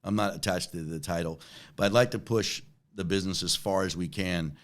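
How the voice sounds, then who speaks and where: The CEO, a man in his forties, answers fairly quickly in a low voice with fairly even intonation. His interview replies are conversational, full of repeated words and frequent "right?"s.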